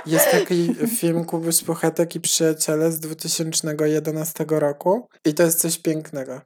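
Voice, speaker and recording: A man's voice: fairly high pitch, fairly even intonation, normal speed, darkish tone. A young man co-hosting a casual true-crime podcast, trading dry, teasing remarks. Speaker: podcast co-host.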